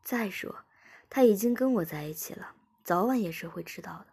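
A dominant young man speaks with a teasing, controlling edge, as a woman reading the story plays him. The voice stays breathy and husky with a gravelly undertone. It does not reach down to a true male pitch. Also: lively intonation, normal speed, a little mellow.

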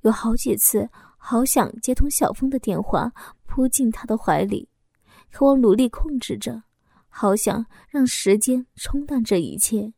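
Female storyteller, first person: intimate, soft, occasional whisper; mellow, close and dry. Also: fairly high pitch, animated, a little slow, gravelly, no room sound. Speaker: narrator.

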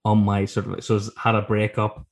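A man from talks in a fairly low voice. He tells anecdotes casually as a guest, rambling along with self-deprecating humor and plenty of swearing. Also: completely flat delivery, brisk, gravelly. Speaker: guest author telling stories from his book.

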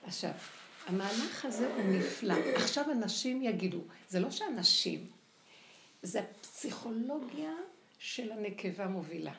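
An older woman giving a lively spoken religious lecture, acting out the voices she quotes. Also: mid-range voice, gravelly. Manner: animated, acts out quoted voices. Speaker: religious teacher. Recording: echoey room with faint noise.

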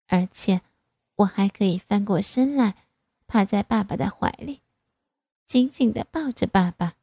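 A woman reading a first-person story aloud in a slow, even way. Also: mid-range voice, gravelly, husky, no echo. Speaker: narrator.

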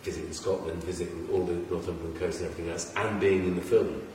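Talking fast in a low, steady, slightly mellow voice, this English man hosts a casual chat-style podcast interview. He rambles with enthusiasm and keeps interrupting himself. The recording has a little hiss or hum and sounds echoey, with the mic at a distance.

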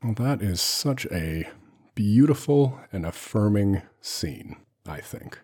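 Husky, low-voiced man reading a script. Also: expressive, slow pace, darkish tone. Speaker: host reading a screenplay. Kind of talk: screenplay read-through and commentary.

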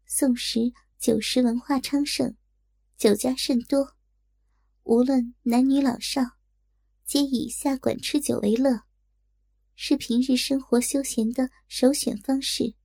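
Brief: woman narrator, high and slow, gravelly edge, dark tone, dry close sound. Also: fairly even intonation, no echo. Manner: slow, deliberate storytelling. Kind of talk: scripted story narration.

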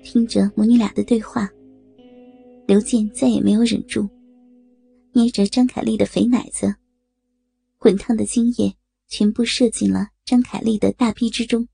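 A woman reads an explicit adult audio story in a steady, matter-of-fact way. Her voice sits a little high yet mellow and husky. The recording is dry and close, with faint music underneath. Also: moderate pace, long pauses, dry recording. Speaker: narrator.

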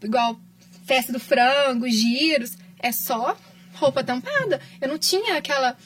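A Brazilian woman with a high voice tells her story warmly and with feeling, chatting casually on a podcast. She sounds a little far from the mic. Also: lively intonation, measured pace, no echo. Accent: Brazilian Portuguese. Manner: emotional, affectionate storytelling with frequent laughs. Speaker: patient guest.

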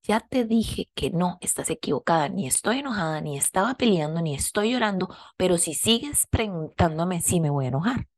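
A frustrated mother, curt and insistent, denying her own tears, as a woman puts her on in a talk. The voice is low and husky and sits close to the mic. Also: lively intonation, moderate pace, hardly any pauses, dry recording.

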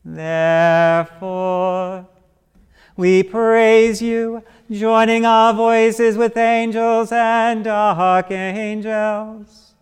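A priest chanting the liturgy slowly on a steady tone, his voice ringing in a long cathedral echo. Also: high-pitched, clean tone. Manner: slow, even chanting on a steady tone. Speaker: priest leading the Eucharist. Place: large church. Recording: long church reverb, faint organ music.

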